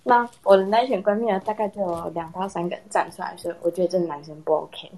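A young woman casually telling a personal story in a chat with friends, animated and laughing often. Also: lowish voice, fast. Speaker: storyteller in a horror story contest.

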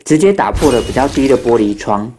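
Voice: mid-range voice, big pitch swings, fairly quick, a little mellow, slight background noise. A storyteller narrating a ghost story and acting out the children's lines in their own voices. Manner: acts out children's voices in dialogue.

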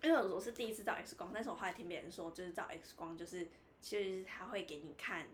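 Fast-talking animated woman storyteller. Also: fairly low pitch, slight background noise. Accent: Taiwanese Mandarin. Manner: animated storytelling, mimics the dentist. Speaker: podcast host. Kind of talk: casual chat.

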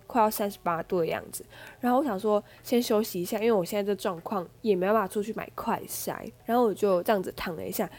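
Chatty young Taiwanese woman with a stuffy nose. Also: medium pitch. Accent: Taiwanese Mandarin. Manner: chatty, animated retelling with many fillers. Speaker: podcast host. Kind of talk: casual storytelling monologue.

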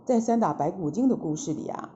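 A woman narrating a children's story in a slow, gentle and expressive way. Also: mid-range voice, a little hiss or hum. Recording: slightly dull lo-fi recording.

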